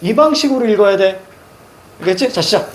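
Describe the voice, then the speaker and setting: A male teacher giving a classroom lecture on exam questions, brisk and instructive, checking in often with quick rhetorical questions. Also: high-pitched, lively intonation, a little hiss or hum. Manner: brisk, instructive, keeps students marking text.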